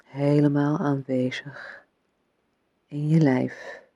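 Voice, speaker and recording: A man leading a guided meditation in a soft, soothing voice, with gentle instructions and unhurried pauses between phrases. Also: fairly high pitch, flat delivery, no room sound, dull audio.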